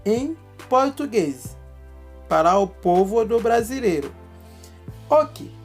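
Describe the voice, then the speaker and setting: Slow-talking woman. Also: a little high, lively intonation, a little mellow, soft background music. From Haiti. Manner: spells words letter by letter, checks in often with "ok?". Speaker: language teacher. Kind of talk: online language lesson.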